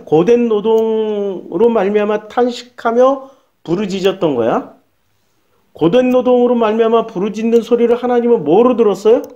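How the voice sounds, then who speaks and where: A male pastor preaching a sermon in a lively, colloquial way, firing off rhetorical questions. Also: sits high, muffled recording. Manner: animated, colloquial, rhetorical questions, acts out prayers.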